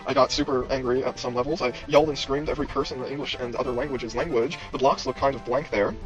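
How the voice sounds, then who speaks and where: A man's voice: medium pitch, muffled recording. A man hosting a let's play, rambling in casual commentary and talking straight to his viewers with self-deprecating asides. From United States.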